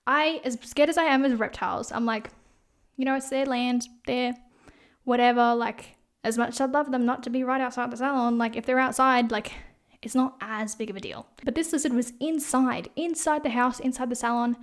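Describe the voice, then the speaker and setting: A woman's voice: on the high side, moderate pace. Chatty young woman telling a story. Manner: chatty, animated, heavy use of "like". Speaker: podcast host and salon owner. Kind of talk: casual storytelling monologue.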